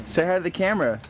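A man filming his own birthday home video, giving wry, teasing running commentary to the camera, heard through old camcorder audio. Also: high voice. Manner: wry, teasing, keeps saying groovy. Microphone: built-in camcorder mic. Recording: hissy, echoey old camcorder audio from a distance.

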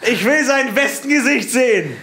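A man gaming live, excitable and bursting into shouts as he celebrates with his teammate. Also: very high voice, moderate pace, roomy sound, slight background noise. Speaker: gamer celebrating a win.

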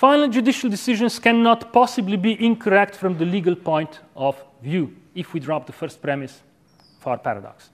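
A man in his thirties giving an academic lecture in a measured, didactic way, checking in with short tag questions. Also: high-pitched. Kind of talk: academic lecture, philosophical argument. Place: university lecture room with chalkboard. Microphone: clip-on lapel microphone.

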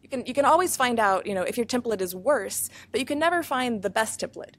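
A woman scientist giving a conference research talk, explaining fast and earnestly, with many fillers and self-corrections, over a microphone in a room with speakers. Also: a little high, animated, a bit bright. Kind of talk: academic conference presentation. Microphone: microphone feeding room speakers.

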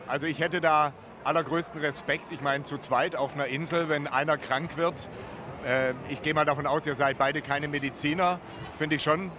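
A middle-aged man gives a spontaneous answer at a festival panel. His voice is a bit high, and background noise is clearly present. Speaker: interview guest. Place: busy festival beer tent. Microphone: handheld reporter microphone held to him. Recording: noisy busy tent behind the voice.

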